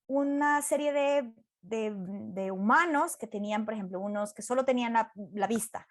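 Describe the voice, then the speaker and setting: A woman teacher in a casual online discussion, telling an anecdote animatedly on a video call. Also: high-pitched. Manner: animated storyteller, acts out voices in anecdotes.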